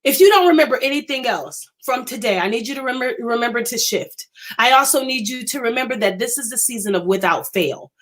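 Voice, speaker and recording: Fervent high-voiced woman preaching. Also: a little fast. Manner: excited and emphatic, repeats phrases, stammers when worked up. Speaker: inspirational speaker hosting a live stream. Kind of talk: fervent preaching to live viewers.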